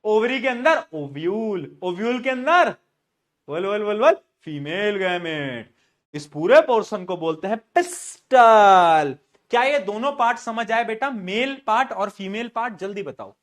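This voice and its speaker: Animated and unhurried, a high-voiced man leads a live online science class. He jokes around with the students and poses quiz questions that he then answers on his own.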